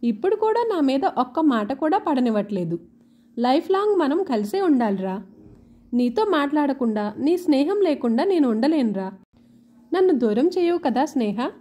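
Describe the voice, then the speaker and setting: A woman's voice: sits high, very animated, normal speed, dark tone. A woman voicing a remorseful young man who pleads tearfully with his childhood friend, read in an audiobook. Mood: pleading. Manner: pleading, emotional. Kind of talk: audiobook dialogue reading.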